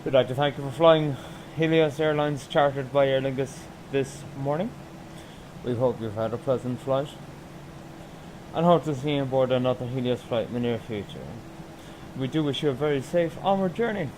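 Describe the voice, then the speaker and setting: Airline captain played by a man, polite formal cabin announcement patter, steady noise behind. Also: medium pitch, normal speed, lightly acted.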